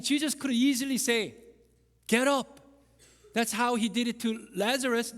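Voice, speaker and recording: A man preaching a sermon as pastor, telling the story dramatically and asking the congregation emphatic questions. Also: sits high. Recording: long reverb of a church hall.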